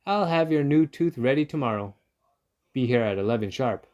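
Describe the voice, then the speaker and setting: A man's voice: mid-range voice, lively intonation, normal speed, a little mellow, natural voice. A man voicing a brave, wary male mouse dentist, firm and emphatic, in a storybook read-aloud. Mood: firm, professional.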